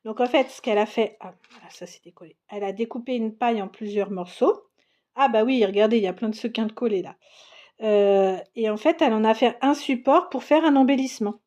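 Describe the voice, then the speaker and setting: A woman's voice: fairly high pitch, brisk, warm tone, highs cut off. Chatty, enthusiastic woman unboxing crafts. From France. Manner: chatty, enthusiastic, exclaims and laughs often. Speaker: crafting vlogger. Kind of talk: casual unboxing narration.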